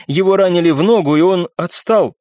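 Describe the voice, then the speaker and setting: A man voicing a grieving young woman who speaks in a muted, quiet way. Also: high voice, a little fast, no room sound, clean studio sound, pitched above the performer's own voice, lightly acted.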